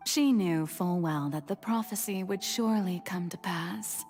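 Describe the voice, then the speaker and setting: A woman's voice: fairly low pitch, measured pace, darkish tone. A woman playing a mature, playful and self-satisfied water goddess in a video game, speaking grandly and savouring ornate words. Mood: arch, theatrical. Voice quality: older-sounding, breathy in places. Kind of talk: video game cutscene voice acting. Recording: long hall reverb under game music.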